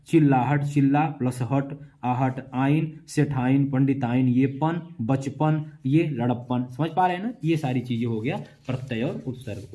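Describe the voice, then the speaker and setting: Mellow-voiced male teacher drilling students. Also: mid-range voice. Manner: talks to students, voices their replies himself; repeats and drills word splits. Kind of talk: exam-prep lesson.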